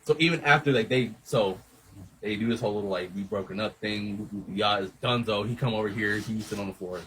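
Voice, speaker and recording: A man telling a rambling, animated story in casual chat, swearing a lot and acting out what everyone said. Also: on the low side, fairly quick, slight background noise, low-quality recording. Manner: rambling, animated retelling with lots of swearing and quoted dialogue.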